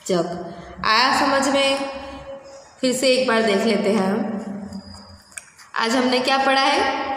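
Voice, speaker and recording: A woman's voice: on the high side, a bit bright. A woman primary school teacher giving a patient video lesson, repeating each word and asking the children to say it back. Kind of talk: slow classroom video lesson. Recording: very echoey classroom with long reverb, faint hum.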